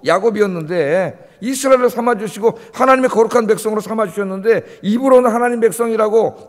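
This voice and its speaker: Male pastor, high and animated, emphatic sermon delivery, reverberant sanctuary sound. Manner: emphatic, rhetorical questions to the congregation. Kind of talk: early-morning sermon. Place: church sanctuary. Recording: long church reverb.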